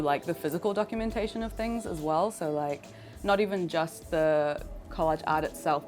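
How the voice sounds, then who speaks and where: Low, flat-voiced thoughtful woman. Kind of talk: interview. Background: music.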